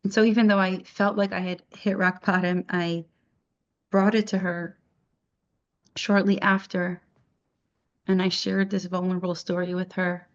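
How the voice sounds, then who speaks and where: A middle-aged woman telling her own story in a halting, reflective way, often restarting her sentences. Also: on the low side, little pitch movement, highs cut off. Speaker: interviewee sharing her story. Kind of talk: personal testimony.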